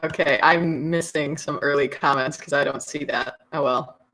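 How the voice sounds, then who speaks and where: A man with a higher voice and a very bright, sharp tone. He sounds mildly exasperated, a slightly prim co-host in a loose podcast chat. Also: steady tone, moderate pace, rough recording. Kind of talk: casual chat.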